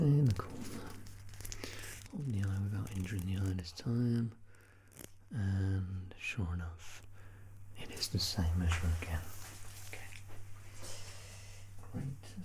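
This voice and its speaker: An ASMR performer playing a measurer speaks in a soft, unhurried, low-pitched murmur that slips into breathy whispers. In this personal-attention roleplay she sounds reassuring and gently playful, over a noisy background.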